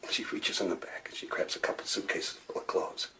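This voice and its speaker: An actor playing a shaken husband who gives a halting, defensive account of his wife leaving. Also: bright, forceful tone, a little hiss or hum. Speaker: husband of the missing woman. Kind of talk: film drama.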